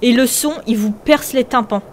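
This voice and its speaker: A young woman hosting a video game, commenting excitably, often shrieking and laughing. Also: a little high, normal speed, slight background noise. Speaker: gaming video host.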